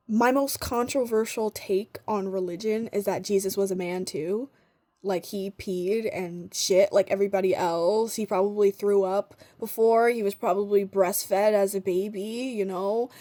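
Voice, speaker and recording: A woman's voice: medium pitch, a little mellow. A woman talking straight to her viewers in a rambling, casual monologue. She is emphatic and repetitive, swears freely, and often restarts or trails off mid-thought. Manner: stream-of-consciousness, restarts and trails off. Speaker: vlogger.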